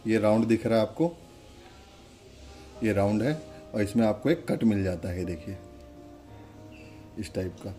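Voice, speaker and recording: A channel host with a lowish, mellow voice demonstrates a product step by step in a casual, instructional manner, pointing things out. He keeps a moderate pace with long pauses, and faint music plays underneath.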